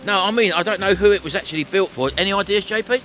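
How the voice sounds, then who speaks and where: A man's voice: high voice, fast talker, pushed and bright, a little hiss or hum. A middle-aged man hosting a casual walk-and-talk vlog, chattily addressing his viewers. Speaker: vlog host. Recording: music behind the voice. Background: music.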